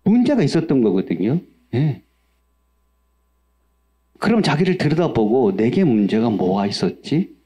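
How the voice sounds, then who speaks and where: A man's voice: medium pitch, very animated, moderate pace, long pauses, mellow, slightly rough. A male pastor preaching a sermon, asking the congregation questions and acting out angry outbursts in a raised voice. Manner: asks the congregation questions and answers them himself.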